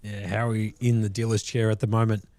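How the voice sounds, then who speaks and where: Male poker play-by-play commentator, lowish pitch, slangy delivery, dry acoustic. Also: little pitch movement, fairly quick, a little mellow, no echo. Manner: colloquial, slangy turns of phrase. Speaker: live poker tournament commentator.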